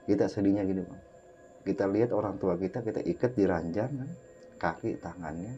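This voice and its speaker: A man with a low, mellow voice talks a little fast as a guest, casually sharing a vivid, dramatic personal story and constantly addressing the host as "Bang." The sound is dull lo-fi, with faint music behind him.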